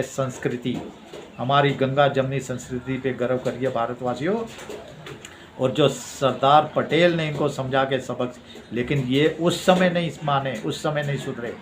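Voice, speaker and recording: Brief: man at mid pitch, fervent political commentator, declamatory, faint background noise. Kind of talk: impassioned political monologue.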